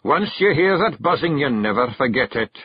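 A hulking Scottish fairy warrior who says things flatly and bluntly, as a man puts him on. The voice rides higher than a natural speaking voice with a husky grain. It is recorded dry and slightly dull. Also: moderate pace, dry recording. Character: big slow-witted male fairy warrior.

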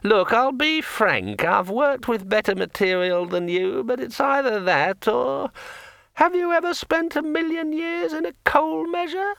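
A man voicing a pushy, chatty male magic sword in a thin, high, ringing voice, drawn out and bossy. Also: a little slow, vocal fry, fairly bright tone, clean tone, no room sound, exaggerated voice. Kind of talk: audiobook character voice.

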